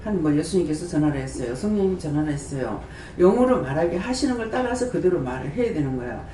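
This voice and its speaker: Prayer house director at the pulpit, animated pitch, preaching to the congregation, back in a roomy church hall. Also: quick pace, slight background noise. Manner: conversational preaching with rhetorical questions to the congregation; quotes scripture and acts out dialogue. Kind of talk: sermon. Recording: roomy hall sound from a distance.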